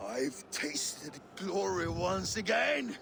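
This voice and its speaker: A man's voice: high voice, sing-song, slow, creaky, full character voice. A man voicing a boisterous, sentimental, drunken Viking warrior in a video game, with a slurred, wistful delivery. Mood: wistful, boastful. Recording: loud background noise.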